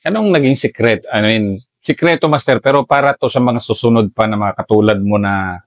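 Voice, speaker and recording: A man's voice: medium pitch, fairly quick, no room sound, studio quality. A man hosting an interview, asking probing follow-up questions and addressing his guest as "master". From Philippines. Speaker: host interviewer.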